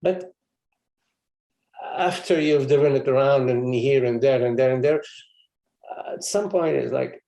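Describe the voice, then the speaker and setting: A man's voice: mid-range voice, measured pace, creaky, long pauses, dark tone. A man, a spiritual teacher, giving a meditative live satsang talk in a meandering, conversational way with frequent chuckles and asides.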